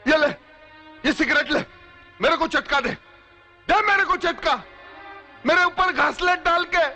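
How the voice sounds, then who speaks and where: An actor playing a grief-maddened mill worker turned criminal, sobbing and shouting in in a film melodrama. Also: male voice, very high-pitched, a little slow, faint music behind, heavily acted. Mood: sobbing remorse.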